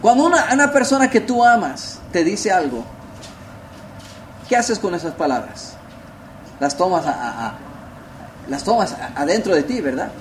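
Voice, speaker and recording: A man preaching a sermon, asking rhetorical questions and swinging between loud and soft delivery. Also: high-pitched, big pitch swings, moderate pace, long pauses, slight background noise, poor audio. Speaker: pastor.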